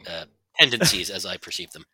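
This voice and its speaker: Bright, lively-voiced man reading lore. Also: sits low, fairly quick, breathy edge, dry recording. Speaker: game master. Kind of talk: reading a worldbuilding prompt.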